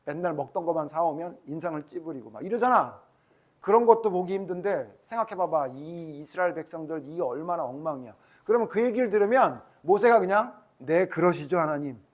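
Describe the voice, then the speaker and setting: Middle-aged male pastor, slightly high voice, children's sermon with questions and quick acted voices.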